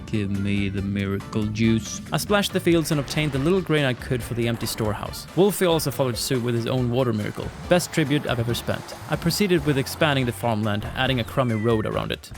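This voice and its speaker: A man reading scripted gameplay narration in a dry, sardonic manner. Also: mid-range voice. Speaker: gaming channel host.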